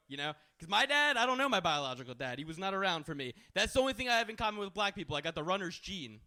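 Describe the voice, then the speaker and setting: High, bright-voiced young man doing stand-up. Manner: crude, brash joking with the crowd. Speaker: stand-up comedian. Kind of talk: stand-up comedy set.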